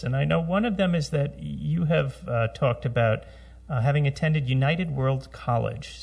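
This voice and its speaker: A man hosting a radio interview, reading introductions and sponsor credits in a measured announcer manner. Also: mid-range voice, vocal fry, a little mellow, far from the mic. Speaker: radio show host.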